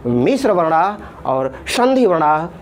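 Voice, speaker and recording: A woman's voice: on the low side, sing-song, slow. A woman teaching a Sanskrit grammar lesson, patiently repeating each term first in Sanskrit and then in Hindi, and drawing out the vowel sounds as she says them. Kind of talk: classroom lesson explaining at a board.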